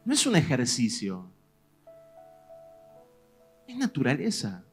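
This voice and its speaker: A man with a Rioplatense Spanish accent, a pastor preaching a sermon in a lively, conversational way, pressing questions on his congregation. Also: mid-range voice, takes it slowly, husky, faint music behind. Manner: animated preaching, rising loud on questions to the congregation.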